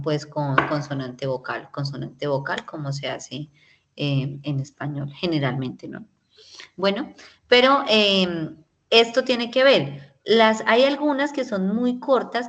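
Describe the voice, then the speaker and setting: A woman teacher, patiently explaining English grammar in an online class and often checking in with her students. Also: on the low side. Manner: patient, explanatory, many tag questions.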